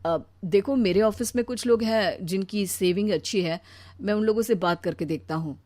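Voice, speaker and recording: A woman's voice: medium pitch, moderate pace, darkish tone, close to an everyday voice. A woman voicing a weary, pleading husband worn down by his burdens in a dramatised story. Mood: measured. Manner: pleading, exasperated. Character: weary, overburdened husband, anguished office worker. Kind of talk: dramatised Hindi audio story.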